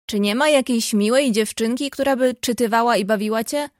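A bold, lively teenage girl, read by a woman in a storybook, frank, brisk and cheerful. The voice is fairly high and recorded close and dry. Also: no room sound, close to an everyday voice.

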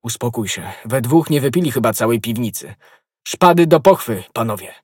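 A man's voice: mid-range voice, expressive, moderate pace, a little mellow, slightly rough. A man voicing a bold young swordsman in an audiobook, speaking firmly and with authority. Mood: calm. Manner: firm, commanding. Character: bold young male swordsman, calm and commanding. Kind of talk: audiobook role.

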